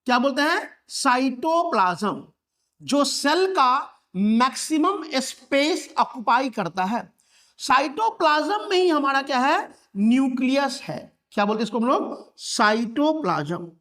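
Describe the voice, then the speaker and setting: A man's voice: extremely high pitch, animated, unhurried, fairly bright tone. A male biology teacher lecturing at a board. He keeps asking questions and repeating each term so the class can echo it back. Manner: repeats key terms and asks the class to echo them back.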